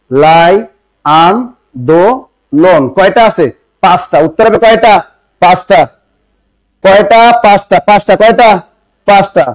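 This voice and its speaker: Male classroom teacher from Bangladesh, high voice, dry close sound, drills students with repeated questions. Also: no room sound, rough recording. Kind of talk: classroom exam-prep lesson.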